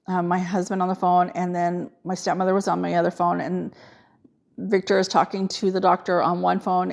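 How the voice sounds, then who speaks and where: A middle-aged woman speaks with a low, gravelly voice, telling a personal story about her family. Her telling is halting and emotional, full of "um"s and restarts. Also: darkish tone. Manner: halting, emotional retelling with many fillers. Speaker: nurse.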